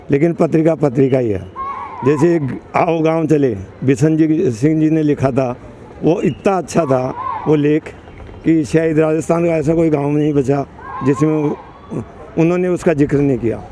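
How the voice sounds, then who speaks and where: A man in his sixties, a longtime reader, answers a street interview earnestly and emphatically, rambling at length. His voice is on the high side with a dark tone, and there's a little hiss or hum in the recording.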